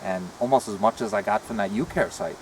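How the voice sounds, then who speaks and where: A middle-aged man chatting casually and reflectively in a halting way, talking out of the side of his mouth. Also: on the low side, background noise. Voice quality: talks out of one side of the mouth. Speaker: retired comic book artist showing a car. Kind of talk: casual rambling chat. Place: outdoors beside a parked car.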